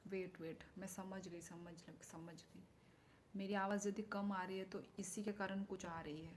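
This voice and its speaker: A woman chatting casually with viewers on a livestream through her phone mic, thinking aloud and slipping into soft whispered asides. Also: mid-range voice, steady tone, unhurried, slight background noise. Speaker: live streamer. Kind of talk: casual live-stream chat answering viewer comments. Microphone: phone microphone.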